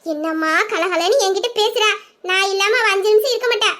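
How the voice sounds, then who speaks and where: Woman doing a mother-in-law, village drama, chatty, teasing, very high voice, fast. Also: bright, forceful tone. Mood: fond. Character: cheerful village mother-in-law, fond of her daughter-in-law.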